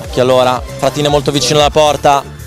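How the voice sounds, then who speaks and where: Un uomo che fa una telecronaca di calcio concitata, senza fiato e drammatica, con urla di gol allungate e la voce sotto sforzo. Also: male voice, medium pitch, flat delivery, quick pace. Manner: breathless, dramatic, exclamatory. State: voice straining. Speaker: football match commentator. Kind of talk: excited football commentary with drawn-out goal calls. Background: loud hip hop music.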